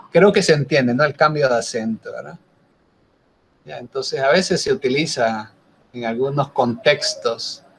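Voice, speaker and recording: A man's voice: mid-range voice, unhurried, creaky, pauses often, slight background noise. A male teacher giving an explanatory class lecture, often checking in with his students through short tag questions.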